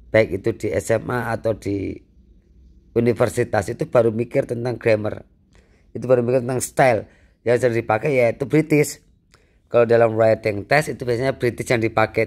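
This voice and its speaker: A man teaching a free English lesson, lively, asking and answering his own questions and repeating key phrases for emphasis. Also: medium pitch.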